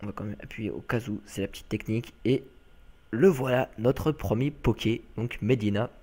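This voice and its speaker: Chatty young French man, low voice. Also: normal speed, dark tone. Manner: chatty, many fillers, talks to viewers. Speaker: let's play host. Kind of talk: casual gameplay commentary.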